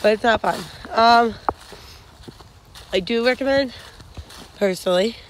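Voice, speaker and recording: A woman's voice: fairly high pitch, unhurried, a little hiss or hum. A young woman giving frank hiking advice in a casual vlog, rambling with many fillers, filmed on a phone at arm's length on a wooded trail. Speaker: hiking vlogger. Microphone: phone held at arm's length.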